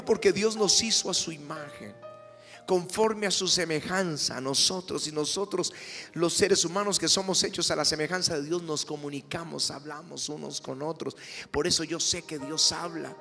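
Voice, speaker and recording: A middle-aged man preaches with fervor, his high voice climbing into shouts. His tone is bright and ringing, and it carries through a large hall with long reverb. Soft music plays faintly beneath him. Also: normal speed, creaky. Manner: impassioned, rising to shouts. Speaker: pastor. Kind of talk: sermon.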